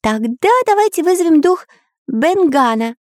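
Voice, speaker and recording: Storybook figure: woman reads an eager young male artist, high voice. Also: expressive, moderate pace, darkish tone, dry recording, studio quality.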